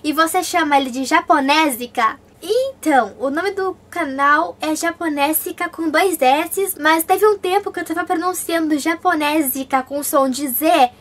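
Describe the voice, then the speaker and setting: A young woman from Brazil hosts a casual question-and-answer vlog with a very high, light voice. She talks in a chatty way, reading viewer comments aloud and then answering each one. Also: moderate pace, few pauses, fairly bright tone.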